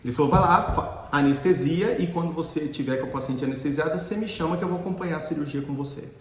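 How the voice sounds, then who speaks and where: A middle-aged man recounts a memory in an earnest, halting way, restarting his phrases as he goes. His voice sits a little high for a man. It rings in a room with a long, echoing reverb. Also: a little mellow. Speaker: dentist and teacher. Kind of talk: personal storytelling.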